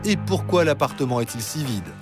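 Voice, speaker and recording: A man giving measured, dramatic scripted narration for a documentary drama. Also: medium pitch, expressive, over music.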